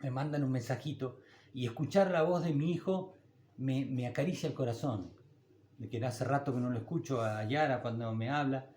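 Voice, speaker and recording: Folksy older Argentine pastor, echoey room. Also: male voice, medium pitch, normal speed, darkish tone, a little hiss or hum. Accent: Argentine Spanish. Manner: conversational, folksy, with anecdotes and small laughs. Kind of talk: sermon.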